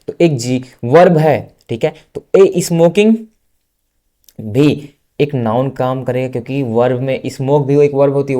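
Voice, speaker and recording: A man teaching English grammar in a casual lesson, spelling out words slowly and often checking that his students follow. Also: medium pitch, warm tone. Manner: keeps asking "samajh mein aaya?", drawn-out spelling and dictation. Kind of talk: informal classroom lesson.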